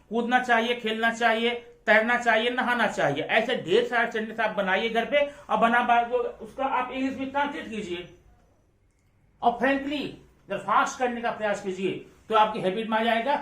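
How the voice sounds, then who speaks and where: A man leads an English grammar lesson, repeating example sentences slowly and checking in with students through quick questions. His voice carries a roomy echo, as if the mic sits well away from him. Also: high voice, fairly bright tone, distant mic. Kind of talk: classroom-style grammar lesson.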